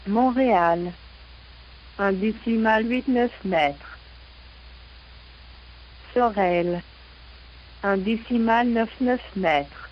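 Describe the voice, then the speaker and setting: A woman reading navigation warnings in a measured, even announcer delivery over a VHF marine radio broadcast. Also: fairly high pitch, muffled recording, slight background noise.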